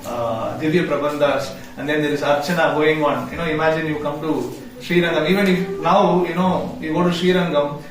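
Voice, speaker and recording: A man's voice: fairly high pitch, fairly even intonation, normal speed, hardly any pauses. A man giving a devotional scripture class in a temple, telling the story conversationally with frequent "you know" and quizzing his listeners. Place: temple hall. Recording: echoey hall from far off.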